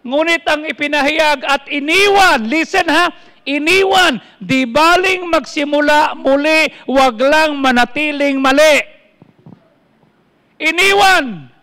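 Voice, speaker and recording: Filipino pastor man preaching, high sharp voice, keeps asking the crowd questions, big echoey church. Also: a little slow, few pauses. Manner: preaching in mixed Tagalog and English, quoting verses, asking the congregation questions. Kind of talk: sermon. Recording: long church hall reverb.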